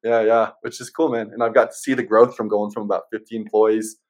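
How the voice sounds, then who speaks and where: Male sales rep guest, fairly low voice, conversational and easygoing, explains like a practiced seller. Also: little pitch movement, fairly quick, darkish tone. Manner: easygoing, salesman-like explaining, says man and right often. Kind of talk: casual chat.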